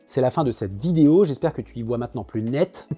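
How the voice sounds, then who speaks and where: A man's voice: mid-range voice, lively intonation, fast, warm tone, husky, faint music behind. A young man giving a casual photography tutorial, chatty and joking as he addresses the viewer informally. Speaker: photography teacher.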